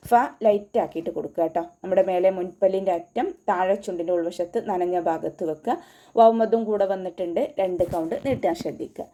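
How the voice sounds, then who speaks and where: Woman teaching recitation, mellow voice. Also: lowish voice. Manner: patient step-by-step instruction with slow chanted recitation. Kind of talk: online recitation class with sung recitation.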